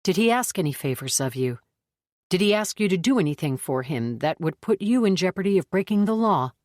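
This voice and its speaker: A woman narrator voicing a calm female therapist who keeps an even tone and asks probing questions. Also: on the low side, a little fast, dry recording, studio quality, voice pushed up, natural voice.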